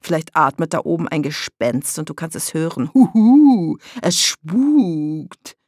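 A taunting storybook boy voiced by an audiobook reader jeers loudly and scornfully. The tone is husky and a little gravelly. The sound is dry and close. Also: mid-range voice, lively intonation, unhurried, no echo. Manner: loud, sneering, taunting. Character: mocking teenage boy, a scornful tease. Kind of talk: audiobook character reading.

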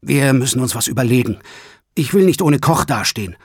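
A man voicing a harried male café boss who speaks urgently and presses for answers, with a husky voice. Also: medium pitch, animated, brisk, no echo, studio quality, pitched above the performer's own voice.

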